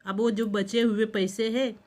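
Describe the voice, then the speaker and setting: A woman's voice: mid-range voice, level tone, measured pace, a little mellow. A woman teacher explaining a textbook story to students in an informal, repetitive way. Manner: informal, repeats and restarts while explaining. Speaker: Hindi teacher.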